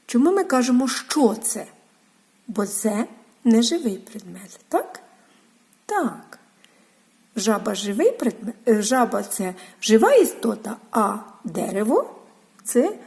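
A woman teaching a lesson to young children, speaking slowly and drawing out each syllable in a sing-song way. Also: on the high side, a little mellow. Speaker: preschool teacher.

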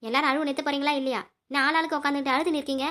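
A woman voicing a brisk young sister in a family cartoon who scolds and comforts. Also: sits high, fairly even intonation, sharp tone. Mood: scolding.

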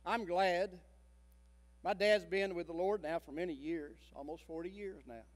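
Older man, pastor, sermon, high voice, dramatic storytelling, long church reverb. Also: moderate pace. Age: 60s. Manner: dramatic storytelling, swinging from loud emphasis to hushed tones. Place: church sanctuary.

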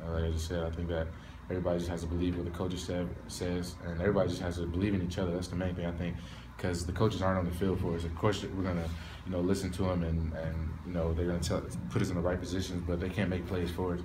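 A young man, a college football player, answering postgame questions in a low-key, candid way from a stadium hallway. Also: flat delivery, quick pace, few pauses, background noise. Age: young adult. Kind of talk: postgame press interview. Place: hallway of a stadium in front of a sponsor backdrop. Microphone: reporters' recorders held close.

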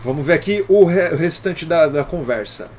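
A Brazilian man teaching an English lesson on a live stream, with a slightly raised pitch. He explains patiently and greets viewers by name. Faint noise and keyboard typing sit behind him. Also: lively intonation, moderate pace, a little mellow. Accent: Brazilian Portuguese. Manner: often ends with "alright?" and "né?".

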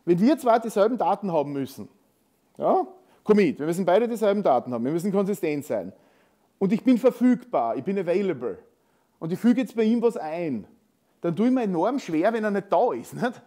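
A man's voice: high voice, sing-song, brisk, mellow. A man with an Austrian accent giving a technical conference talk in a lecture hall, conversational and full of tag questions. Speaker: conference speaker.

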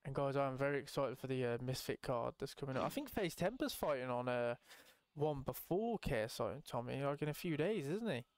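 A young man giving casual, excitable gameplay commentary, chatting and swearing freely to his viewers. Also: mid-range voice, brisk, few pauses, dry recording. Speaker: gaming YouTuber.

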